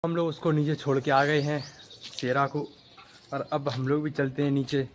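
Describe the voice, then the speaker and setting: A man's voice: on the high side, level tone, normal speed. Male vlogger, young, chatty narration to camera, sore back, light background hiss. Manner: chatty, addressing viewers directly. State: back pain. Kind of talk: casual vlog narration.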